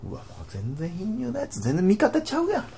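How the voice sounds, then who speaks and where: A man's voice: high voice, wildly swooping pitch, a little fast, creaky, dark tone, a little hiss or hum. A man with a Kansai accent in casual chat, jokey and opinionated as he argues his point.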